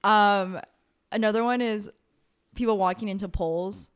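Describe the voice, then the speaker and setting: A young woman co-hosting a podcast, chatting casually and telling personal stories in an excitable, giggly way. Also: mid-range voice, normal speed, smooth. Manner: excitable, giggly, animated storyteller. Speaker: podcast co-host. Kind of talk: casual chat, personal storytelling.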